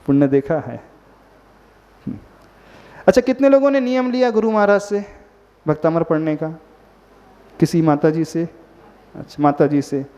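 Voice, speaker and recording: The speaker is a Jain monk giving a sermon to a gathered audience, his slightly high voice mellow and smooth with lively intonation at a normal speed and long pauses. He keeps asking the listeners questions and sprinkles in English words. Heavy hall reverb and a dull lo-fi quality color the recording.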